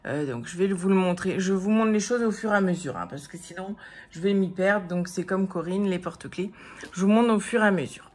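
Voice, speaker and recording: A woman's voice: medium pitch, fairly quick, a little mellow, slightly rough. A woman talking casually to her viewers as a vlogger, hesitant with many fillers and restarts, gushing with praise. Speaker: vlogger showing crafts and purchases. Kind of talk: casual chat to camera.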